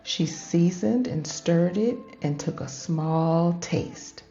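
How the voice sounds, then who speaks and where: A woman's voice: lowish voice, takes it slowly, vocal fry, mellow, highs cut off, soft background music. An older woman reading a picture book aloud expressively, in a grandmotherly manner, addressing young children and asking them questions.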